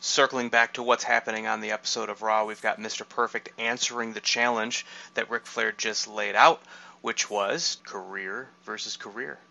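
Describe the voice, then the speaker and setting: A man's voice: on the low side, fairly even intonation, moderate pace, creaky, pushed and bright, lo-fi sound. A man hosting a podcast, casually recapping a wrestling show with asides. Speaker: podcast host.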